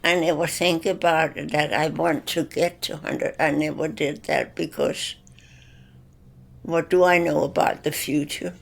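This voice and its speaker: Slow gravelly woman of a hundred. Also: deep voice, fairly even intonation. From Denmark. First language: Danish. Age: 100s. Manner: plainspoken, matter-of-fact reminiscing. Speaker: interviewee. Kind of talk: documentary interview.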